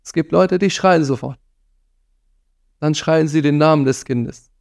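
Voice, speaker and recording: A preacher gives an earnest religious talk on parenting, admonishing his listeners and sprinkling in Arabic phrases. His voice is fairly high, creaky, and darkish, and he's unhurried, captured in clean studio sound with no room sound.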